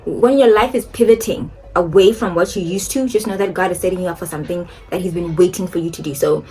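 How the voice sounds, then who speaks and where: A woman's voice: lowish voice, fast, darkish tone. Chatty young woman vlogging while doing makeup. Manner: chatty and rambling, laughing often. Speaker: beauty and lifestyle vlogger. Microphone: phone.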